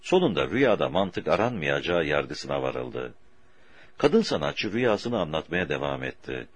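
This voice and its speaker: A man reading a story aloud for an audiobook in a slow, deliberate way, with a husky voice. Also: very deep voice, very animated, no room sound. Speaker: audiobook narrator.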